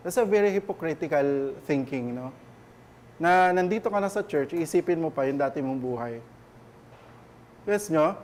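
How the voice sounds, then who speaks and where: A man's voice: high voice, a little mellow, a little hiss or hum. A man with a Filipino accent preaching a conversational church sermon, often checking in with rhetorical questions. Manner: chatty, keeps asking rhetorical tag questions.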